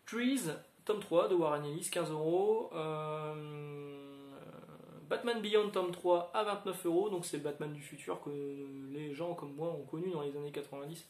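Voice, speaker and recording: A man's voice: a little high, a little slow, a little mellow. A man in his thirties chatting casually about upcoming comic releases, rambling with lots of fillers and restarts and giving frank opinions. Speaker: comics video host. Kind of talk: casual chat. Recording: echoey room.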